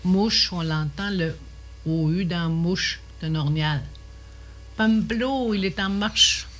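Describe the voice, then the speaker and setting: An older woman, teaching a radio language lesson, slow and patient, repeating each word carefully. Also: medium pitch, fairly bright tone.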